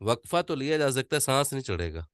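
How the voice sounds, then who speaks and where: A man teaching an online voice-over class, demonstrating slow readings with deliberate pauses. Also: medium pitch, big pitch swings, clear, resonant tone, no room sound, studio quality.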